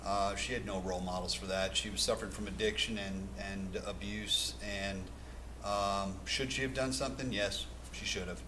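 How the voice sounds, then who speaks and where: A man argues for leniency as a defense attorney in a hesitant, measured way. His voice is fairly low and monotone, picked up with clear background noise in a courtroom. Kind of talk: halting plea for leniency in court. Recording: noisy courtroom microphone.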